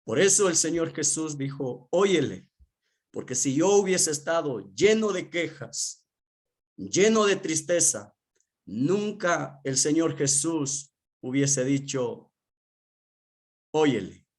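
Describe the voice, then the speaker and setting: A man preaches his testimony as a pastor, his voice sitting a little high for a man. He speaks slowly and earnestly and leans on every phrase, with the weight of a heartfelt sermon. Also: animated. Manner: slow, earnest, emotional preaching.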